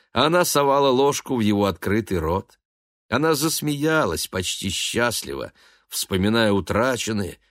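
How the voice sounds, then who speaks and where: A man's voice: fairly low pitch, no echo, clean studio sound. A man narrating a novel as an audiobook, reading expressively and dramatically.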